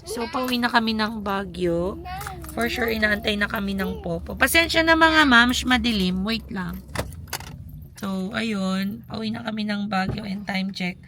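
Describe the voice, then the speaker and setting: Isang babaeng vlogger na paos ang boses dahil sa sipon, may Filipino accent, madaldal na nakikipagkwentuhan sa mga manonood habang naghahalo ng Tagalog at English. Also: female voice, medium pitch, measured pace. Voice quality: husky. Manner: chatty, switching between Tagalog and English, addressing viewers as moms. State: hoarse from a cold. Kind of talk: casual vlog chat. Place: outdoors and in a car around town. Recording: noisy outdoor phone vlog with traffic.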